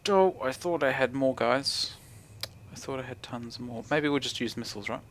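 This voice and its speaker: A man's voice: mid-range voice, normal speed, a little hiss or hum. A young man with a broad New Zealand accent, thinking aloud casually as he commentates on his gameplay, laid-back and slangy with mumbled asides. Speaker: gaming video creator. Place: indoor room at home.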